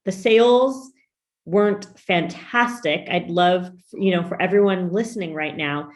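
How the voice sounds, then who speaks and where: A woman's voice: fairly low pitch, unhurried. A woman hosting a business podcast interview, upbeat and emphatic, now and then saying "y'all". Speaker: podcast host and business coach.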